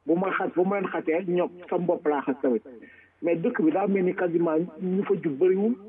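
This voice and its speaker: Senegalese guy fired up about politics, high-ish voice, sounds like a phone call, keeps mixing wolof and french. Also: brisk. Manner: switches between Wolof and French mid-sentence; forceful and emphatic, repeating words. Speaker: commentator. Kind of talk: political commentary. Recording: tinny phone-line sound.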